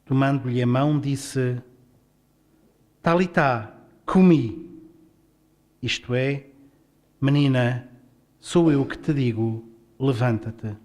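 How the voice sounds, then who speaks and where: A man's voice: medium pitch, steady tone, slow, darkish tone. A man with a European Portuguese accent reading a Gospel passage aloud. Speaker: scripture reader.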